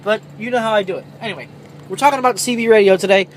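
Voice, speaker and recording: Talking very fast in a high voice, this man runs a casual hands-on tutorial as a truck driver making a how-to video. He sits in a parked semi cab amid obvious vehicle noise, and his delivery is rambling and informal, with some salty language.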